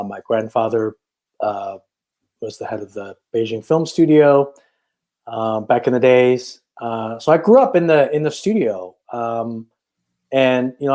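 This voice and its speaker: Speaking with a mid-range, somewhat dark voice, a man from China whose native language is Chinese recounts his life on a relaxed podcast where he is the guest. He's a filmmaker, and his reflections are hesitant and full of restarts.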